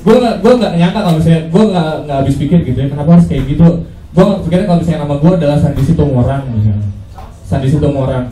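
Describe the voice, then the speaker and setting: A man's voice: fairly high pitch, animated, very fast, dark tone. Young male stand-up comedian with casual crowd banter, heard from a distance in an echoey room. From Indonesia. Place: open mic comedy venue. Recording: roomy, distant stage recording.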